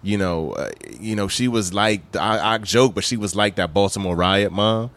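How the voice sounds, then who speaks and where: Animated storytelling man, lowish voice. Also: moderate pace. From Bahamas. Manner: animated, laughing, acts out voices. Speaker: guest. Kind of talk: casual storytelling chat.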